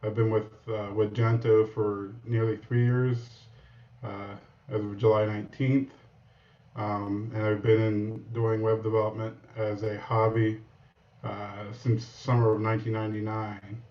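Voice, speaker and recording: A hesitant male guest with a low, flat voice, pausing often and filling gaps as he answers. He sounds set back from the mic in a roomy space, and the audio is dull and muffled. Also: distant mic. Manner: hesitant, many fillers. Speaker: guest developer. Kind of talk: casual interview answers.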